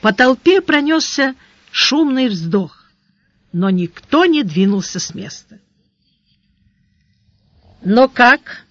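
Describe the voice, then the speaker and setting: A narrator reading a fantasy novel aloud in a slow, steady, measured way. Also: high-pitched, no room sound. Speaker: audiobook narrator. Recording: dull lo-fi dry recording.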